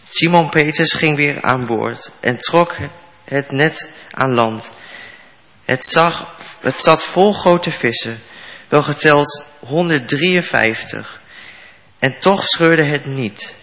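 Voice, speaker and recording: A man reads a Bible passage aloud, slow and measured, with a few slips. His voice has a bright, clear tone at a middle pitch. A long reverb rings after his words, as in a large hall. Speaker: scripture reader. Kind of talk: Bible reading.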